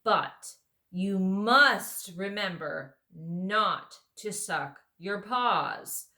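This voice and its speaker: A young king, gentle and gravely courteous, speaking at a slightly raised pitch with a bright tone, as a woman puts him on. He sounds patient and measured. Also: lively intonation, exaggerated voice. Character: young noble male king, kind and grave.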